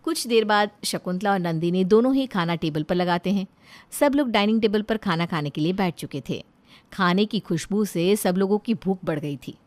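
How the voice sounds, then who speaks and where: A woman narrates a scripted family story in a medium-pitched, slightly mellow voice. Her intonation is lively and her pace moderate.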